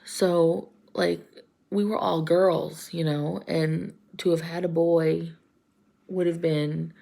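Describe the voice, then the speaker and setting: Slow, tearful woman with a gravelly voice. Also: on the low side, little pitch movement, warm tone. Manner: tearful, halting, often drops to a whisper. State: close to crying. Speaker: vlogger. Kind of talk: emotional personal vlog.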